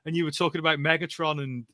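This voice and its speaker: A man's voice: a little high, expressive, brisk, pushed and bright, no echo. A man co-hosting a casual podcast chat about comics, talking enthusiastically and laughing often. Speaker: podcast co-host.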